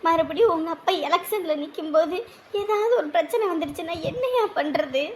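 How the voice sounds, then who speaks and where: An actress playing a fretful middle-aged aunt who scolds and laments. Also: female voice, very high-pitched, a little fast, slight background noise. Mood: reproachful. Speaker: aunt of the bride. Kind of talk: TV drama acting.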